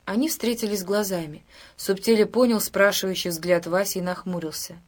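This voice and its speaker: A woman's voice: mid-range voice, steady tone, moderate pace. Woman narrating a war-era story. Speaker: audiobook narrator. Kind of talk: scripted narration.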